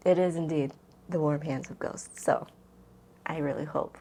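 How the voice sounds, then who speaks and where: Speaking at a moderate pace, this woman has a low, warm voice with fairly even intonation. She's a book vlogger doing a casual tag-question video, chatting informally and musing out loud as she rambles through her answers.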